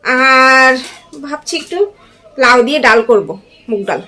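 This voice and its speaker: A woman's voice: high-pitched, measured pace, bright, forceful tone. A young woman chatting to viewers in a casual home vlog, now and then cooing to her baby as she goes about her chores. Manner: chatty, addresses viewers directly, coos baby talk at her infant. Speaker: vlogger and young mother. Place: at home, bedroom and kitchen.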